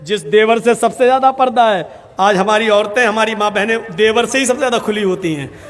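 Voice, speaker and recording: A man preaching a sermon, telling stories and jokes, impassioned and bursting into shouts. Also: high voice, a little fast. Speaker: Islamic preacher. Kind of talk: sermon with storytelling. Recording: long hall reverb.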